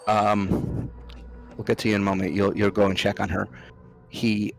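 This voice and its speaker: A man narrating a tabletop game as game master, halting and descriptive as he improvises. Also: on the low side, little pitch movement, creaky.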